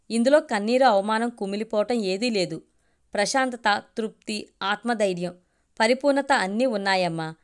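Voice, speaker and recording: A woman's voice: mid-range voice, clear, resonant tone, lightly acted. A woman voicing a grown daughter who speaks firmly and earnestly in a storybook reading. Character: grown daughter, calm, firm, self-reliant.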